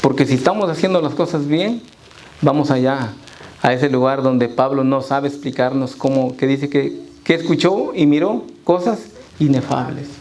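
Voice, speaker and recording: A man's voice: mid-range voice, moderate pace, darkish tone, poor audio. A man leading a church Bible study, reading scripture aloud and quizzing the congregation.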